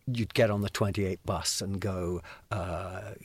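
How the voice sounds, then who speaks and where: Older man, husky, lowish voice, animated anecdotal guest who stammers and mimics others. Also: slow, dry recording. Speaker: guest recalling youth in the counterculture. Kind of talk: casual storytelling conversation.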